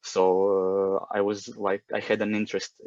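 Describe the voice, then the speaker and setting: Deep-voiced Croatian man, dry lo-fi audio. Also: completely flat delivery, a little slow, a little mellow, no echo. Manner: hesitant, many fillers and restarts. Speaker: guest. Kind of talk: casual interview.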